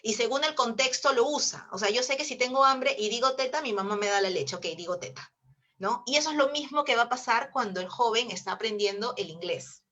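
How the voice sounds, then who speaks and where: A woman's voice: fairly high pitch, fairly quick, few pauses, pushed and bright, highs cut off. A woman with a Peruvian Spanish accent giving a teacher-training webinar over a video call, explaining step by step and often checking in with her listeners. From Peru. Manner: explanatory, with frequent tag questions.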